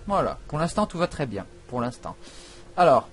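A man giving casual, excitable gameplay commentary, swearing and breaking into loud outbursts as he plays. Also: fairly high pitch, normal speed. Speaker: let's play gamer.

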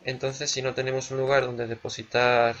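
Man, casual let's play commentary, playful, thinking aloud, medium pitch, slightly muffled mic. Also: level tone, moderate pace, a bit bright, faint music behind. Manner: playful, muses aloud, repeats words. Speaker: gamer, let's play host.

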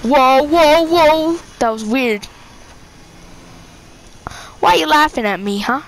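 A woman giving casual, excitable gameplay commentary, giggling often, talking to her viewers and yelling at other players. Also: high-pitched, takes it slowly, slight background noise. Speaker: gameplay streamer.

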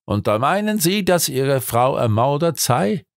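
A man voicing a sharp, energetic detective who talks in a brisk, commanding way. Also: a little high, gravelly, no room sound, clean studio sound, voice pushed up, heavily acted. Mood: probing.

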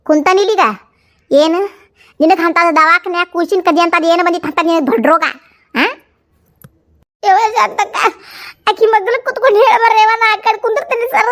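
A woman with a North Karnataka accent performing a village comedy skit, pleading dramatically between laughs and sobs. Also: very high voice. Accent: North Karnataka Kannada.

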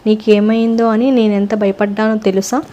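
A woman's voice: mid-range voice, level tone, normal speed, warm tone, close to an everyday voice. A woman voicing a worried young man urging help for his friend. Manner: urgent, worried.

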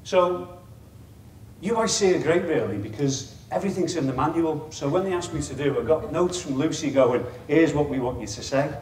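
In an echoey meeting room, a chief executive from Liverpool, middle-aged, delivers a casual conference talk full of wry, self-deprecating remarks. His voice is on the high side, a little mellow and moderately paced. The lapel mic sounds distant, with slight background noise.

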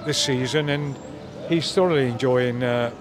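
A man's voice: medium pitch, normal speed. Older man with hesitant fan chat. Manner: thoughtful, hesitant with many fillers. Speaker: interviewed fan. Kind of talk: casual street interview. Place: outdoors by a stadium car park. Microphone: handheld mic held by interviewer. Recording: outdoor street noise.

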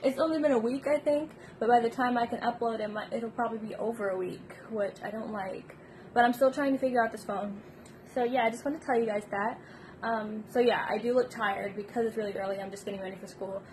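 A young book vlogger chats casually from her small bedroom, holding a phone at arm's length and rambling with fillers and giggles. She talks fast in a higher, slightly mellow voice, and the poor audio carries a little background noise.

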